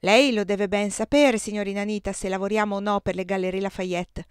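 A woman's voice: mid-range voice, steady tone, a little fast, clean tone, dry recording, natural voice. Female reader doing an argumentative male immigrant worker, pressing questions, dry recording. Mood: insistent.

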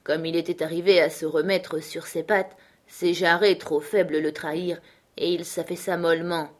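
A woman narrating a novel as an audiobook, measured and clear. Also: lowish voice, little pitch movement.

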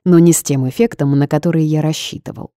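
A woman voicing a smug, seductive male boss who speaks calmly and commands. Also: low voice, quick pace, no room sound, clean studio sound, close to an everyday voice.

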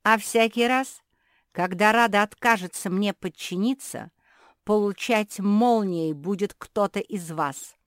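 A woman's voice: low-pitched, animated, takes it slowly, few pauses, no room sound, studio quality. A woman voicing a bossy, cruel self-made female queen who barks orders in a children's storybook reading. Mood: imperious. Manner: commanding, shouting orders.

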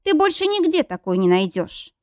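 A woman's voice: sits high, very animated, moderate pace, no echo, studio quality, pitched above the performer's own voice. A woman voicing an overjoyed man who sobs with happiness. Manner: sobbing, breathless with joy.

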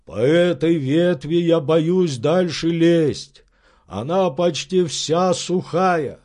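A man reading an audiobook, voicing a sly old male servant who drawls loudly from far up. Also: fairly high pitch, pitched above the performer's own voice. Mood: calling out. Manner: slow drawl, calls out from afar.

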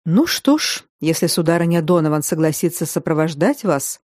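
A woman's voice: low-pitched, animated, normal speed, a little mellow, no echo, studio quality. A woman doing a reserved, polite noble husband.

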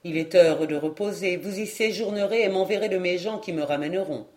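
A woman's voice: fairly low pitch, a little fast, darkish tone, lightly acted. A woman voicing a proud male knight in a storybook reading, speaking in a courtly, boastful manner.

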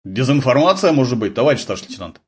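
A man's voice: mid-range voice, big pitch swings, fast, a little mellow, slightly rough. A man doing a chatty, jovial army ensign. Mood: thoughtful. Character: chatty male army ensign, easygoing storyteller. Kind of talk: audiobook character voice.

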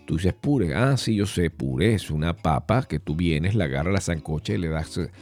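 A man's voice: sits low, expressive, moderate pace, darkish tone, faint music behind. A middle-aged Venezuelan man hosting a casual podcast, playful and rambling, acting out bits of street slang. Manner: playful, jumps between topics, acts out quoted slang voices. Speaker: podcast host.

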